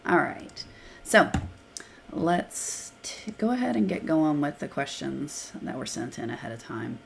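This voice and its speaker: A sick woman whose hoarse voice sits very low and gravelly hosts a live software Q&A. She talks casually and thinks aloud as she clicks through screens, over a faint hiss from a computer mic. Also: big pitch swings, unhurried. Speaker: software trainer hosting a live Q&A.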